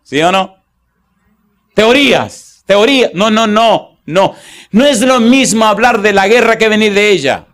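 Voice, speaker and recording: A male pastor delivers a sermon in a fairly high voice. He stretches out scripture verses word by word and keeps asking the congregation questions to press his point. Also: lively intonation, a bit bright. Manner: asks the congregation rhetorical questions; slows to stress scripture verses.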